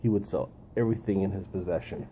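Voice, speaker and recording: Male host, deep-voiced and deliberate, musing over readings with pauses, faint-to-clear ambient noise behind. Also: fairly even intonation, warm tone. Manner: deliberate, pausing, repeats phrases for emphasis. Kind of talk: reflective monologue, reading and commenting.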